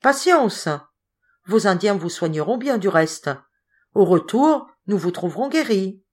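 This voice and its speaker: A woman voicing a brisk, dismissive male expedition leader in an audiobook. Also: high-pitched, expressive. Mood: reassuring. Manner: brisk and reassuring.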